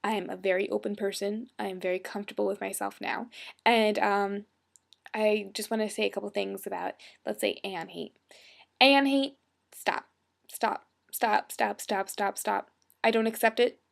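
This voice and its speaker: A woman in her twenties talks casually to her webcam in a hyper, bubbly way. Her voice has a gravelly fry, and she slips into whispered asides between her chatter. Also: mid-range voice, level tone, normal speed. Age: 20s. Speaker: role-play blogger.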